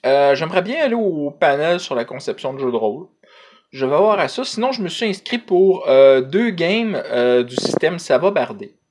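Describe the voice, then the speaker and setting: A man's voice: a little high, background noise. A man with a Quebec French accent chatting casually to camera as a vlogger, hesitant and rambling, in colloquial slang.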